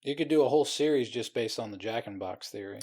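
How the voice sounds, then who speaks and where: Laughing, excitable podcast co-host man. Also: mid-range voice. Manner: laughs often, quick excited asides. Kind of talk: casual chat.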